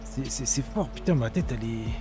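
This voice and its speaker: Casting: male player as dazed, moaning crash casualty in game role-play, swearing through pain, loud music underneath. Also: medium pitch, expressive, brisk, lightly acted. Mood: dazed, nauseous. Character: dazed, groaning injured man after a helicopter crash.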